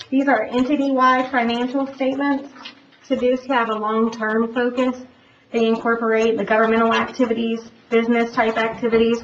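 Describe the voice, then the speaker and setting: A woman speaking through a face mask, giving a formal report presentation as an auditor. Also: fairly high pitch. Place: public board meeting room. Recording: echoey room, distant mic, dull, faint noise.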